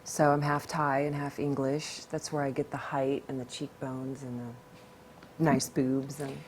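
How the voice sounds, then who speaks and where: A woman from the United States chatting as an interview guest, talkative and quick to laugh. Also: extremely low pitch, flat delivery, a crowd in the background. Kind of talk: casual interview.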